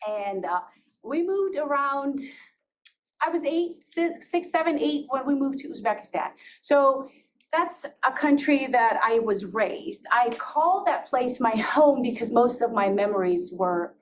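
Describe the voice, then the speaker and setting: Heard from a distance with faint noise, a middle-aged presenter from Azerbaijan with Georgian as her first language shares a candid personal talk in a presentation room. Her high voice is expressive and measured in pace. She frequently laughs and starts her sentences over.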